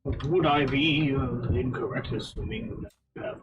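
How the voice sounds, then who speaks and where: A man's voice: mid-range voice, a little slow, far from the mic, lo-fi sound. A man playing a tabletop game over voice chat. He talks politely and hesitantly, with lots of fillers, through a faulty mic on a bad connection that makes him faint and breaking up. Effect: bad online connection, faint and breaking up. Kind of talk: casual in-character roleplay over voice chat. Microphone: faulty computer mic on voice chat. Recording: noisy, faint voice-chat line.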